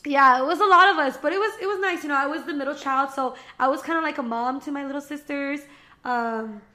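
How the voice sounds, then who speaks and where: A woman's voice: high-pitched, fast talker, pushed and bright. A young woman from Las Vegas, a podcast guest, chatting casually and telling stories with frequent giggles. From Las Vegas, United States. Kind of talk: casual chat.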